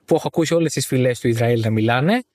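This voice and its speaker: A man's voice: medium pitch, darkish tone. A man co-hosting a casual podcast chat about motor racing, teasing and sarcastic. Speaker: podcast co-host.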